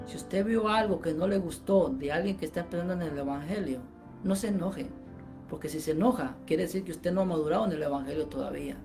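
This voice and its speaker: A woman's voice: low voice, darkish tone. A woman giving a Bible-teaching sermon, preaching emphatically and peppering her points with "amen" and "brothers".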